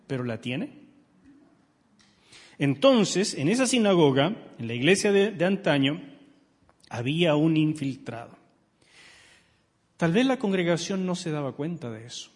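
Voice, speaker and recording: A middle-aged pastor preaches with emphasis, asking his congregation rhetorical questions. His voice sits high and husky. It carries through a large church with long reverb. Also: very animated, unhurried, long pauses. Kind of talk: sermon. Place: church sanctuary.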